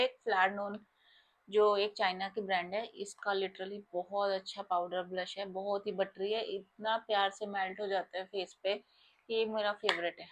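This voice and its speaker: A woman's voice: mid-range voice, fairly bright tone. A young Indian woman, a makeup artist, talking casually and explaining her products step by step to viewers.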